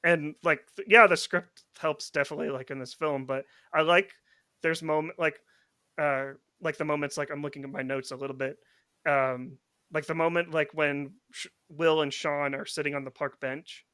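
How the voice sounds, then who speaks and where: A man's voice: fairly high pitch, fairly even intonation, moderate pace, bright, forceful tone, clean tone, no echo, studio quality. A man hosting a film podcast, talking casually with frequent restarts and "like" fillers. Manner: rambling, many restarts and "like" fillers. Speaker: podcast host.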